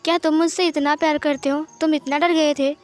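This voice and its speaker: A woman voicing a gentle, wounded older man who speaks softly, reassuring and teasing. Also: sits high, steady tone, brisk, soft background music, natural voice. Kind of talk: Hindi fan-fiction reading.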